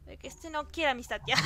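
A young woman from Santiago del Estero with that region's Argentine accent, a gaming YouTuber chatting casually and giggling as she reads out and answers fan questions. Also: high voice. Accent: Santiago del Estero Argentine Spanish. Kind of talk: casual Q&A chat.

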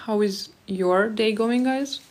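A woman's voice: mid-range voice, slow, darkish tone. A young woman with a Moldovan accent, a native Romanian speaker, chats casually into a phone held close. She reads viewer comments aloud and answers each one in a friendly, chatty way. The sound is a close phone mic in a small room at home. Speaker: live streamer. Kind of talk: casual live-stream chat reading comments aloud. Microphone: phone held close at arm's length.

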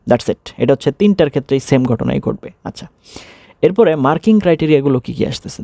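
A man with a Bangladeshi accent teaching a TOEFL lesson, reading English lines slowly and then explaining each one. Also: fairly high pitch, warm tone, no echo, studio quality. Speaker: TOEFL instructor.

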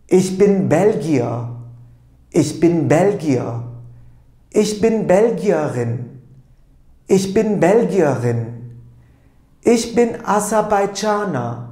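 A man's voice: high-pitched, dark tone, reverberant. A man in his forties teaching German at a whiteboard, explaining words and drilling phrases for students to repeat. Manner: slow, deliberate repeat-after-me drilling. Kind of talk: language lesson at a whiteboard. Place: small indoor room with a whiteboard. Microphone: lapel mic.

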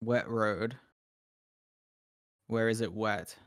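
A young man, bantering and bickering over a geography guessing game, yelling directions at his friend. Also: on the low side, fairly even intonation, very slow, no echo, clean studio sound. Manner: teasing, bickering, yells directions. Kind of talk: casual gaming banter.

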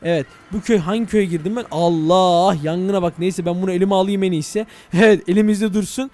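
A young man narrating a Minecraft let's-play to his viewers, excitable and full of exclamations. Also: high voice, quick pace. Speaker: gaming YouTuber.

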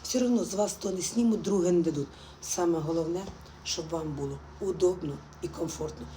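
A woman's voice: on the low side, fairly quick, warm tone, a little hiss or hum, rough recording. A woman chatting affectionately to her viewers in a casual morning vlog while getting dressed at home. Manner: drops to a whisper at times. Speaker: vlogger.

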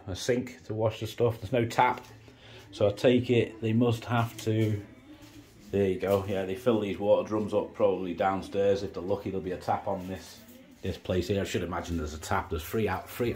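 A man's voice: fairly low pitch, a little mellow. A man, talking casually as he films a tour of a small rented house, rambling and explaining as he goes. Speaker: travel vlogger giving a house tour. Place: outdoors on a house terrace and indoors in small rooms. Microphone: handheld phone camera.

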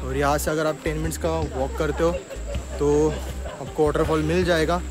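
This young man from Maharashtra, India, has a slightly high voice with little pitch movement and speaks at normal speed. Walking a forest trail near a waterfall with his phone camera, he gives chatty, casual vlog narration directly to viewers. Background music accompanies him.

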